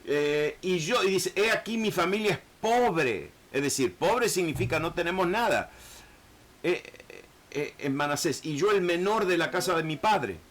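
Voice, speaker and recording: A man teaching a Bible lesson in an earnest, halting way, often restarting words and acting out the people in the text. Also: fairly high pitch, animated, a bit bright. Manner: earnest, repetitive, many hesitations and restarts; acts out biblical speakers in shifting voices.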